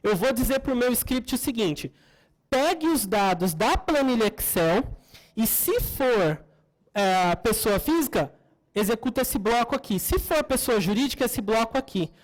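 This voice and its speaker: A woman with a Brazilian Portuguese accent speaks to a conference audience in a slightly higher voice. She explains technical steps one at a time, often restarting her sentences and checking in with listeners. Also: lively intonation, measured pace. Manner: explanatory, often adds tag questions for the audience; frequent self-corrections and restarts.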